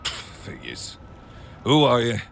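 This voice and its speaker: An actor playing a gruff, sarcastic, brusque police detective with a gravelly voice in a video game. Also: male voice, medium pitch, wildly swooping pitch, slow pace, a bit bright, heavily acted. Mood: sardonic. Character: gruff, dismissive, cynical male police detective.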